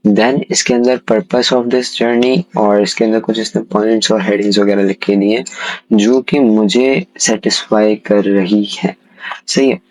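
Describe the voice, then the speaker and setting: Low, flat-voiced man explaining casually. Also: no room sound, rough recording. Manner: conversational, repeats "sahi hai" as a filler, addresses viewers as "bhai". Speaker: tutorial host. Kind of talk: casual screen-recorded tutorial.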